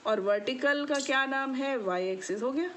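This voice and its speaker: A woman's voice: sits high, normal speed, a bit bright, a little hiss or hum. A woman teaching a maths lesson in a patient, explaining way, often checking whether her students have understood and calling them child. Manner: addresses students affectionately as child. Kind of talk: classroom explanation.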